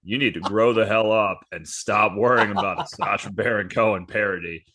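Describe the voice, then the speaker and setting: A man's voice: lowish voice, sharp tone. A man voicing a patronizing artificial-intelligence customer service agent who corrects and belittles the caller. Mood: condescending. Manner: prim, patronizing, slow and dry.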